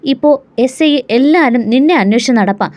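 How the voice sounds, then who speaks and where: A woman storyteller voicing an older male schoolteacher and father who lectures in a deliberate way. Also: high voice, a little mellow, close to an everyday voice. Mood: lecturing. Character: stern older male teacher, cautious father.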